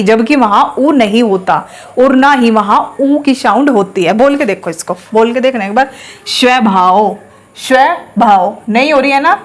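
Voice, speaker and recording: Woman, high voice, patient spelling teacher, repeats words to drill, classroom lesson.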